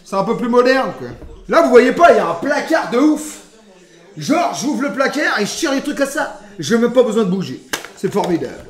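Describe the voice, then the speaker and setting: A man with a high voice cooks while live-streaming and talks to his viewers. He rambles freely, mixing crude jokes with running commentary. His voice rings through a roomy, echoey kitchen. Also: big pitch swings, normal speed. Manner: rambling, crude, joking asides to chat. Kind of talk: casual live-stream chat while cooking. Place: rented apartment kitchen. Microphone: streaming setup with camera.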